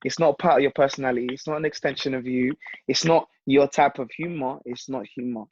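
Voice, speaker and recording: A man's voice: medium pitch, fairly quick, dull audio, a little hiss or hum. A man, co-hosting a casual podcast chat and mimicking others in banter. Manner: animated, mimics voices in banter. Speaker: podcast co-host.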